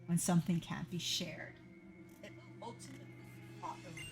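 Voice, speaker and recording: A woman reading out the lines of a calm, menacing male villain leader from a video game, slow and solemn. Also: on the low side, gravelly, soft background music, voice pushed down.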